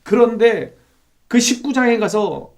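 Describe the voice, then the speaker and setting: A man's voice: very high voice, expressive, slow, creaky, darkish tone. A male pastor preaching an expository sermon in a church, reading scripture aloud and asking the congregation questions. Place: church sanctuary.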